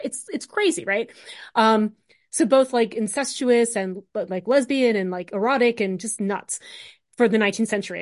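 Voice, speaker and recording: A woman speaks as an academic guest in an interview, in a medium-pitched voice. Her explanation is scholarly but loose and colloquial, with emphatic wording and casual check-ins to the listener. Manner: animated, emphatic, colloquial with frequent "like" and "right?". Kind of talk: informal scholarly explanation in conversation.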